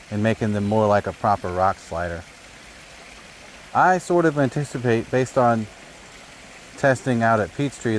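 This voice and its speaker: A man casually narrating a hobby vlog outdoors, recorded at a low sample rate on a neck-mounted camera without an external microphone. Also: poor audio. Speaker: RC crawler hobbyist host. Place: outdoors on a trail. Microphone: camera on neck mount, no external mic. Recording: low-fidelity outdoor audio, faint background noise.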